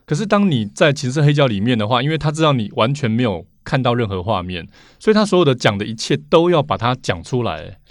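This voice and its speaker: A man's voice: medium pitch, very animated, fast, hardly any pauses, no room sound. A man with a Taiwanese Mandarin accent talks in a mid-range voice, recorded dry and close. He explains casually as an interview guest, often repeating a phrase before finishing the thought.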